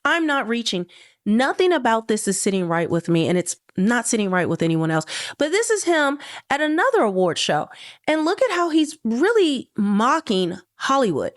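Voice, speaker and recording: A woman's voice: fairly high pitch, very animated, moderate pace. A woman co-hosting a podcast, chatting casually and incredulously with rhetorical questions. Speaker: podcast co-host. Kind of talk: casual conspiracy chat.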